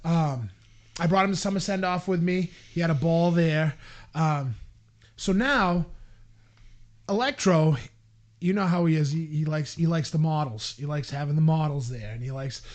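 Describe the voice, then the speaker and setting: A man tells a story in a relaxed podcast chat. He acts out what people said and shouts at the peaks. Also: on the high side, moderate pace. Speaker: podcast co-host.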